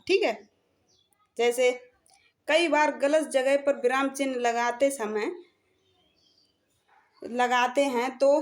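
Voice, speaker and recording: A Hindi grammar teacher with a high voice walks her students through a lesson step by step, slowly, repeating each point and mixing in terms as she goes. She stops to check in with them, often saying "theek hai."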